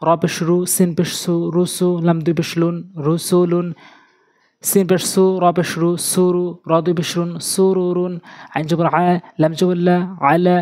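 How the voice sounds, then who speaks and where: A man teaching Quran reading, spelling out syllables in a slow, sing-song drill. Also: sits high, flat delivery, darkish tone, no echo.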